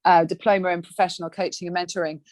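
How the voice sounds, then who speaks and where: A woman's voice: fairly low pitch, rapid-fire, dry recording. A woman guest on a podcast interview, chatting casually and animatedly about her life and work. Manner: chatty, animated, acts out little scenes. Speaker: guest coach.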